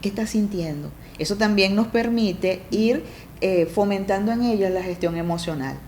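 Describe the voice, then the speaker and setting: A faint hiss of background noise lies under the warm, mellow voice of a middle-aged family coach speaking at normal speed in a relaxed conversational interview. She explains things step by step, regularly checks that her listener understands, and acts out parent-child exchanges with lively jumps in pitch.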